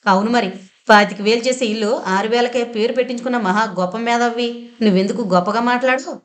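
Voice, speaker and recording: A woman voicing a quick-tempered young woman who scolds sharply and sarcastically in a storybook reading. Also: fairly high pitch, fairly even intonation, natural voice. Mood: angry. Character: fiery young woman Vijaya, quick-tempered elder sister.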